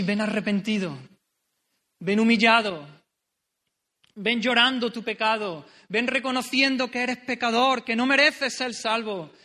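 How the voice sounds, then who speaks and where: A man's voice: extremely high pitch, sharp tone. A man preaching an earnest, pleading sermon, repeating phrases for emphasis.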